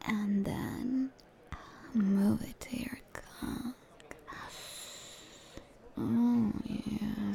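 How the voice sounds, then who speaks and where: Whispering very slowly and close up, a woman performs an ASMR-style roleplay in a medium-pitched voice with a dark, mellow tone and heavy gravelly fry. She is soothing, coaxing and playful, using pet names and soft murmured hums.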